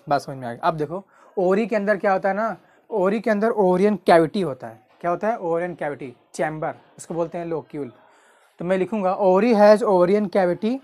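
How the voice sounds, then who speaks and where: A man tutoring biology in an exam-prep lecture, repeating key terms slowly and asking questions that he answers himself. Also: high voice.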